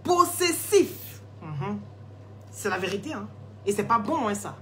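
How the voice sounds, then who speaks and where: A woman's voice: mid-range voice, expressive, normal speed, pushed and bright. A woman chats on a phone live stream, answering viewers' comments one after another in a loose, teasing way. She laughs often as she talks. A faint hiss sits under her voice. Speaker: live-stream host selling skin products.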